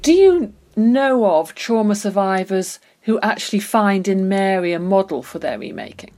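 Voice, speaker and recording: A woman's voice: mid-range voice, very animated, moderate pace, a little mellow. A woman interviewer asking probing questions in a conversational way.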